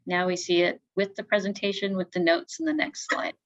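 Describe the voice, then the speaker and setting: A woman's voice: medium pitch, lively intonation, brisk. A woman co-hosting a webinar, speaking briefly and matter-of-factly over a remote video call. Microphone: remote video call mic. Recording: dull, distant call audio.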